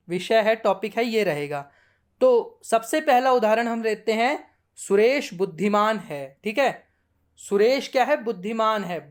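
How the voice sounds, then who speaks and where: Patient woman teaching grammar. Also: fairly high pitch. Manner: patient, repeats forms, frequent checking 'theek hai'. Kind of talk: classroom lesson.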